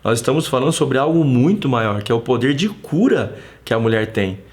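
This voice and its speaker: A Brazilian man hosting a live stream from his home, chatting casually in a slangy, animated way and telling stories with quoted dialogue. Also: mid-range voice, brisk.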